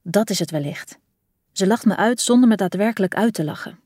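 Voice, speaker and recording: A woman reads a first-person novel aloud with expressive storytelling. Her voice sits mid-pitch. The recording is dry and close. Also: brisk, dry recording. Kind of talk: audiobook narration.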